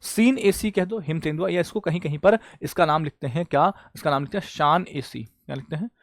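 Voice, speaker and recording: Talking a little fast in a slightly high voice, a man coaches students for exams in an online current affairs class. The clean, dry studio recording captures him drilling questions and answers repeatedly while calling them bhaiya and beta.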